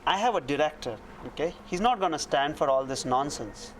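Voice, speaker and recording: Actor as stubborn middle-aged doctor, exasperated, insistent, slightly high voice. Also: male voice, animated, a little fast, a little hiss or hum, lightly acted, low-quality recording. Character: middle-aged Indian doctor, frustrated would-be film producer. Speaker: doctor and aspiring filmmaker.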